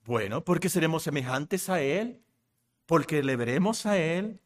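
A man preaching a sermon, emphatic, repeating key phrases and swinging from loud exclamations to hushed low tones. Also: animated. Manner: slows and stretches words for emphasis.

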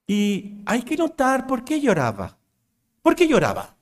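A man's voice: very high-pitched, huge pitch swings, unhurried. A man preaching a sermon, emphatic, repeating phrases and asking rhetorical questions.

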